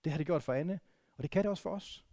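A man's voice: on the high side, warm tone, no echo, clean studio sound. A man from northern Denmark preaching a sermon in a conversational way, often restarting and adding questions to the congregation. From Vendsyssel, Denmark. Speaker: pastor.

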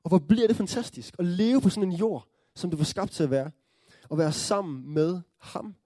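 High-voiced man preaching with warm fervor. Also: no echo, clean studio sound. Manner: earnest storytelling, tag questions, rising to joyful excitement. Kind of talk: sermon.

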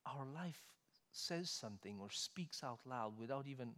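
A man's voice: mid-range voice, animated, normal speed. Man preaching in an echoing hall. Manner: rises to loud emphatic stresses, then drops soft and conversational. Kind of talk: sermon. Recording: long hall reverb.

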